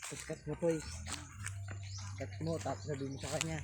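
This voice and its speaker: A woman in casual chat, quickly pointing things out. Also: low-pitched, level tone. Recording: noisy outdoor recording.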